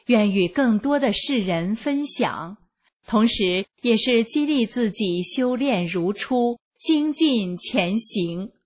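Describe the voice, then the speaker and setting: A woman reading a first-person testimony aloud in a slow, measured, earnest narration. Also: on the high side.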